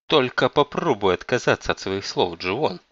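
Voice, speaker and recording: A man's voice: fairly low pitch, brisk, sharp tone, lo-fi sound. A man voicing a domineering old grandmother. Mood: scolding. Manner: commanding, scolding. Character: stern domineering elderly grandmother.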